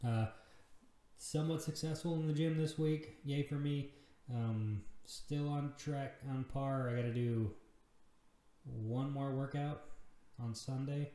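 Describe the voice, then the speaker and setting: Give me a self-deprecating man hosting a solo podcast, warm and low-key, recorded in a very echoey room. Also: fairly even intonation, slow. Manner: rambling, self-deprecating, swears freely. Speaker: podcast host. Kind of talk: casual solo podcast monologue.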